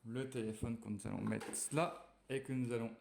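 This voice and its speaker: A man's voice: mid-range voice, steady tone, moderate pace, vocal fry, heavy background noise. A man casually chatting while unboxing a phone, hesitant and full of fillers. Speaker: tech reviewer unboxing a phone. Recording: echoey room.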